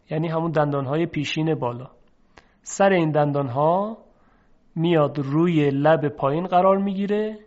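Slow-demonstrating male Quran pronunciation teacher. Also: on the high side, muffled recording. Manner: slow, drawn-out demonstration of sounds. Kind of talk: lesson on letter pronunciation.

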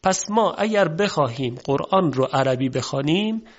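A man whose first language is Persian teaches Quran recitation in a measured way, demonstrating Arabic vowel sounds. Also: a little high, animated. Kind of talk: spoken lesson on Quranic pronunciation. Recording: dull lo-fi recording.

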